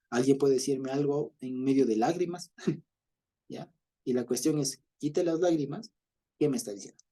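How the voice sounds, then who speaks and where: A man's voice: mid-range voice, warm tone. A man with an Ecuadorian accent teaching a Bible study in a chatty way, often checking that listeners follow and chuckling as he goes. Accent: Ecuadorian Spanish.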